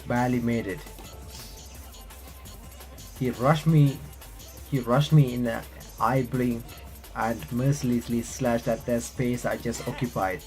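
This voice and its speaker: A let's-play creator reads visual novel text aloud haltingly, stumbling over and rereading phrases, with casual reaction commentary. His medium-pitched voice is steady and darkish, with the game's visual novel soundtrack playing behind him.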